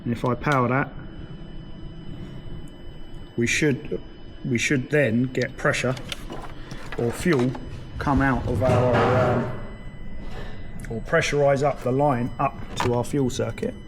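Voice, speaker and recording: A man's voice: medium pitch, fairly even intonation, takes it slowly, pauses often, music in the background. A man giving an informal, step-by-step hands-on tutorial as a mechanic in a workshop. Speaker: mechanic presenter. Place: vehicle workshop. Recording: noisy workshop background.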